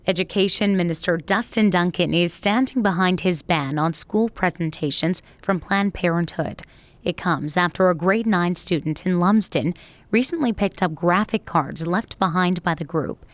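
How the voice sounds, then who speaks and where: A woman's voice: on the low side, normal speed, no room sound. A woman narrating a scripted television news report.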